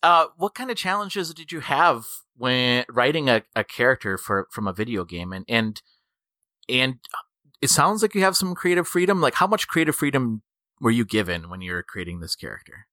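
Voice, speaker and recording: Bright-voiced, halting male interviewer. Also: mid-range voice, sing-song, no echo, clean studio sound. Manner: halting, repeats words as he forms questions. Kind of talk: casual interview.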